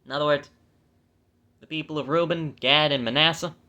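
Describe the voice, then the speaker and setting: A man's voice: on the high side, steady tone, normal speed, sharp tone. A man reading scripture aloud and breaking off for chatty, self-mocking asides, correcting his own stumbles. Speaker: Bible reader.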